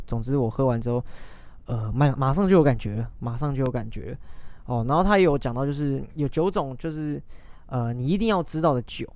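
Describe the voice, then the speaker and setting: Hesitant man with a mellow voice. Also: medium pitch. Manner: hesitant, many fillers and restarts. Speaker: podcast host. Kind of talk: casual solo chat.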